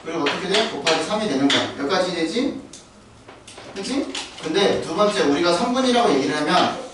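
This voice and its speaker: A man's voice: sits high, lively intonation, brisk. A man teaching a math lesson, questioning and coaxing his students. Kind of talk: classroom lesson. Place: classroom. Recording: far-off echoey noisy classroom.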